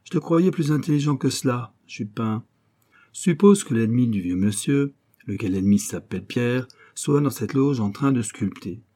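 A man's voice: medium pitch, lively intonation, normal speed, mellow, natural voice. A man reading an audiobook and voicing a sly old bailiff's clerk who coaxes and schemes in a knowing, sometimes stern way. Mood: reproachful.

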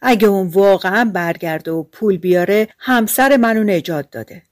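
A woman's voice: medium pitch, dry recording, studio quality, natural voice. A woman reading as a sly peasant trickster man. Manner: sly, placating.

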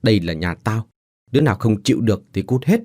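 A man's voice: fairly low pitch, animated, fast talker, a little mellow, no echo, studio quality. A man voicing a domineering head of the house who speaks harshly. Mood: angry.

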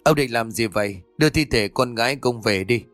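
A man's voice: mid-range voice, a little fast, a bit bright, no echo, faint music behind, natural voice. A man voicing a hot-tempered young man just back from the army, blunt and confrontational, in a ghost story.

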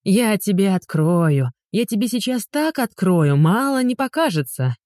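A reader voicing a sharp-tongued, fed-up young woman who snaps and mocks, in an audiobook. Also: mid-range voice, sing-song, normal speed, no room sound, clean studio sound. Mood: snapping. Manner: sharp, snapping, sarcastic. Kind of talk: audiobook dialogue.

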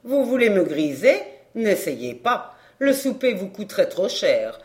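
A woman's voice: mid-range voice, sing-song, measured pace, a little mellow. A woman reading an audiobook voices a brash, streetwise female fortune-teller who banters and mocks. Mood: bantering. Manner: bold, bantering, mocking. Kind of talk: audiobook character voice.

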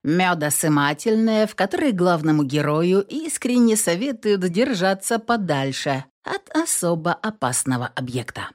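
A woman narrating an audiobook chapter in an expressive, ironic storytelling manner. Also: on the low side, normal speed, few pauses.

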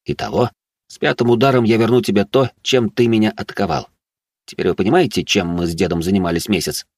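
Male audiobook narrator, deep-ish husky voice, dry close sound, wry and low-key. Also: quick pace, darkish tone, no echo. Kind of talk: first-person fantasy audiobook narration.

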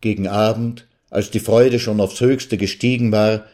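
A man reading a story aloud on the radio at a measured literary pace. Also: fairly low pitch, fairly even intonation, dark tone.

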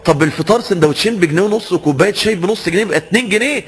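A man's voice: high-pitched, very fast, husky, long reverb tail. A man with an Egyptian accent preaching a sermon, asking rhetorical questions and acting out the people he quotes. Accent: Egyptian Arabic. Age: young adult.

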